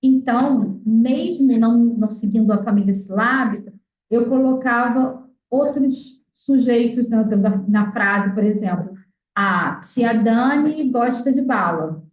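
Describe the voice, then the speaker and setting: A woman's voice: fairly high pitch, measured pace, narrow, tinny audio. Echoey, distant, phone-thin Brazilian woman. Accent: Brazilian Portuguese. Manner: patient, explanatory, with many filler words. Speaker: mother teaching her child to read. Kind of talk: explanatory talk on literacy.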